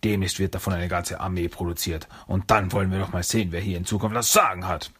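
A man's voice: low voice, fairly even intonation, fast talker, a bit bright, breathy edge. A man doing Shredder, a boastful villain. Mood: gruff. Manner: curt, boastful. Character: scheming, ill-tempered male villain mastermind.

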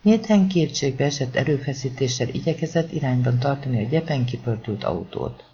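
A man narrating an audiobook in a tense, dramatic way, voicing the shouted lines of the characters himself. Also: medium pitch, animated, muffled recording, a little hiss or hum.

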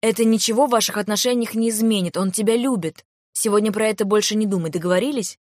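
A woman's voice: mid-range voice, fast, darkish tone, dry recording, studio quality, natural voice. A woman doing a blunt, firm female friend. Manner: firm and matter-of-fact.

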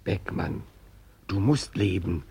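A quiet, insistent inner voice in a radio drama. His voice is raspy and breathy, with a gravelly edge. He sounds as if he is speaking from somewhere far off inside a dream. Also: sits low, animated, takes it slowly, exaggerated voice. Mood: urging. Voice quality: hushed and insistent. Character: mysterious inner voice, calm, urging a man to live.

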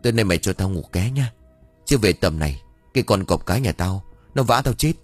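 A man voicing an old male village ritual master, gruff and blustering, afraid of his wife. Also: low-pitched, lively intonation, fairly quick, dry recording, soft background music.

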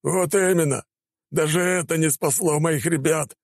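A man's voice: a little high, normal speed, dry recording, clean studio sound, pitched above the performer's own voice, close to an everyday voice. A man reading an audiobook, voicing a burly male soldier screaming in rage. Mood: furious. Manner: screaming, enraged.

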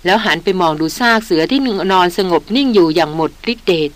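A woman reading an adventure novel aloud as an audiobook narrator, telling the story in a measured, vivid way. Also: on the low side, expressive, no echo.

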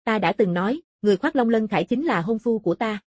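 A woman voicing a proud young dragon-clan princess in an audiobook, cool and composed in manner, in a slightly husky voice. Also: fairly high pitch, animated, fast talker, dry recording. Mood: calm.

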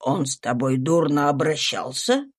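A woman reading an audiobook voices a mild middle-aged husband, speaking low, slow and hesitant. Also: animated, breathy edge, exaggerated voice. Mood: questioning. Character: mild middle-aged male household head.

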